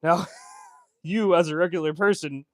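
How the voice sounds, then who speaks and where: A man's voice: fairly high pitch, fairly even intonation, normal speed, a little hiss or hum. A man chatting casually on a livestream, rambling with many fillers and answering viewer comments. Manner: rambling, lots of fillers and restarts. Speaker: fashion designer streamer.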